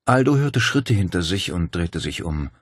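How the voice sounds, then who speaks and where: Deep husky male audiobook narrator. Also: no room sound, studio quality. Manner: calm, measured reading. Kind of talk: scripted narration of a crime novel.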